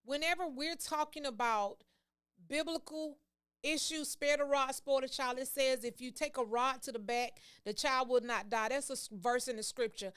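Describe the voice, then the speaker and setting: A woman's voice: high-pitched, steady tone, normal speed, fairly bright tone, clear, resonant tone. A woman co-hosting a casual faith talk show, speaking in an earnest, teaching tone. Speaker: co-host.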